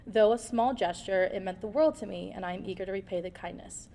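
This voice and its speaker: A woman's voice: mid-range voice, fairly quick, mellow, big-room sound, a little hiss or hum. A young woman, a first-year teacher, reading a formal, heartfelt award speech.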